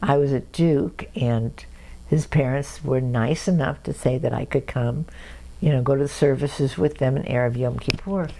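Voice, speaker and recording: A rumbling low, creaky voice belongs to an older woman from Cleveland, Ohio, talking at a moderate pace. She chuckles often as she tells lively family anecdotes in an oral history interview, on a rough recording with slight background noise.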